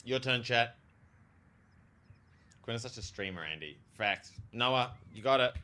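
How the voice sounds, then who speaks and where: Male game streamer, retainer lisp, bright forceful voice, animated, slangy, casual chat with viewers. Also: medium pitch, measured pace. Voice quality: lisp, made stronger by a new retainer. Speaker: live streamer, theologian. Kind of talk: casual livestream chat over gameplay.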